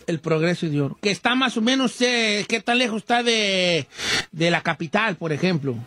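A man's voice: sits high, lively intonation, moderate pace, pushed and bright, no room sound. A man playing a folksy, teasing old host who rambles in slang during a comic interview. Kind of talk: comic talk-show interviewing.

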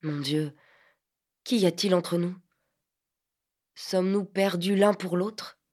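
A woman's voice: on the low side, takes it slowly, a little mellow. A woman voicing an anxious, lovesick teenage boy in an audiobook, pleading and tender. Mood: anguished.

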